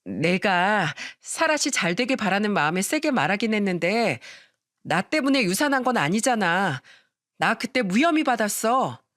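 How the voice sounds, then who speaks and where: A woman's voice: medium pitch, big pitch swings, normal speed, a bit bright, no echo, clean studio sound. A woman voicing a shameless, smug female team leader who was once the narrator's boss. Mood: defensive.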